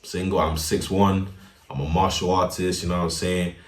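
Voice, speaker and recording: A man's voice: deep voice, flat delivery, normal speed, far from the mic. A young man, telling a story in a laid-back, slangy way and laughing often. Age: young adult. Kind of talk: casual storytime narration. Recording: roomy, a bit off-mic.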